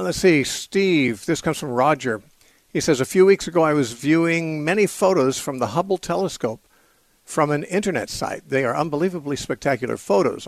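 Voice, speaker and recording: In a radio studio, a man hosts a call-in show, thoughtfully answering Bible questions with fillers and repeated words. His voice is medium-pitched and creaky, with no room sound.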